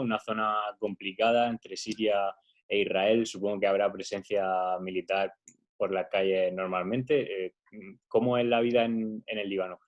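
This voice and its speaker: A man's voice: fairly low pitch, lo-fi sound. A man hosting an interview, asking questions conversationally with frequent restarts. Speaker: interviewer, podcast host.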